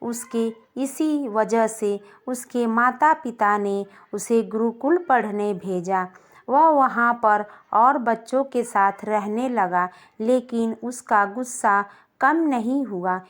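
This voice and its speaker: Slow, higher-pitched woman storyteller, calm and gentle. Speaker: storyteller of moral stories for a channel. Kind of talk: scripted narration of a moral story.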